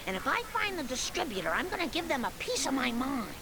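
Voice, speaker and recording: Frazzled cartoon housewife for a game: high, raspy, wildly swooping delivery. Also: female voice, very animated, fast, noisy background. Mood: determined. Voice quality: gravelly, raspy. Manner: weary complaints, then determined resolve. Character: harried middle-aged housewife and mother. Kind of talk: video game voice acting. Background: game music.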